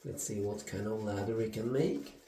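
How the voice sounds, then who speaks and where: A man in his thirties hosting a casual shaving vlog, talking in a relaxed way with many fillers and restarts. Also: fairly low pitch, moderate pace. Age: 30s. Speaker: shaving video host. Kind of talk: casual talk-through vlog. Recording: echoey room.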